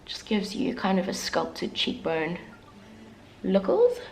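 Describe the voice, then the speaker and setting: In poor audio with a little hiss or hum, a young beauty vlogger talks slowly through a makeup tutorial, chatty and candid, with self-deprecating asides. Her mid-range voice is gravelly and darkish and swings widely in pitch, and she sounds a little congested as she gets over the flu.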